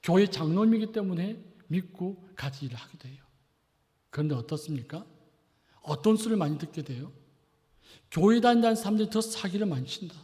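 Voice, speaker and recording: A man preaching a sermon as pastor, asking the congregation rhetorical questions and swinging between loud and soft. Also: sits high, expressive, fairly quick. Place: church sanctuary. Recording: long reverb of a church hall.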